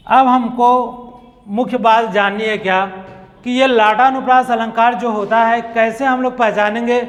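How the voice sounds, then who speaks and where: A male teacher runs an exam-prep grammar lesson in a fairly high voice, repeating his points and checking in with listeners often. He reads examples slowly, word by word. The room gives his voice a long reverb tail.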